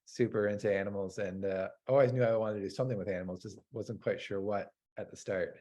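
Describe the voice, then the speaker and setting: A man's voice: fairly low pitch, steady tone, fast, warm tone. A man from North America, a dairy farmer hosting an interview, talking in a hesitant, rambling way with lots of fillers. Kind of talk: casual interview chat.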